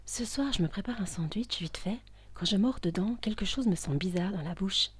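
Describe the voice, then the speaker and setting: A woman narrating a first-person story in a hushed, intimate voice that is often whispered, with tense outbursts. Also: mid-range voice, expressive, fairly quick, slightly rough.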